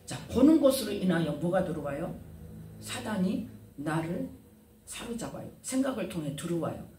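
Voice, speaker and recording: A woman pastor delivers a sermon, peppering her listeners with rhetorical questions and swinging her voice between loud and hushed. She sounds set back from the microphone in a reverberant sanctuary. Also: medium pitch. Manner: fires rhetorical questions at the congregation, dramatic swings in loudness. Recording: roomy sound from a distant mic.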